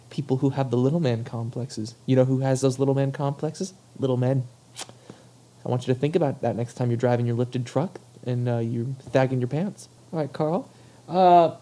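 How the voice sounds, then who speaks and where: A man's voice: mid-range voice, mellow. A young man hosting a casual comedic podcast, joking in mock-formal phrases and swearing casually. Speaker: podcast host.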